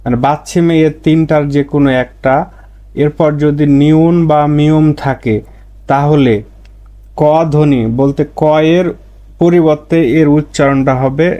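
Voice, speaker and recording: Male tutor, mellow tone, higher register, steady repetitive lesson delivery. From Bangladesh. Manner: slow, repetitive, stresses example words. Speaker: Korean language teacher. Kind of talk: explaining pronunciation rules.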